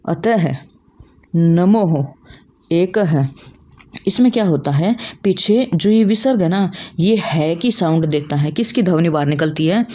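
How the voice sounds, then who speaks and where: A young woman teaches an online class in a low, mellow voice. She works through the material step by step, asking a question and then answering it. She calls her students children. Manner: explains step by step, asks and answers own questions.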